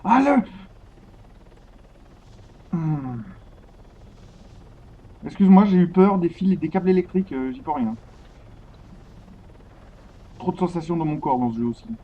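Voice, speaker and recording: A man giving excitable live commentary while streaming a game, swearing often and chatting to his viewers. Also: a little high, unhurried, long pauses, husky. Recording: dull lo-fi stream audio with faint noise.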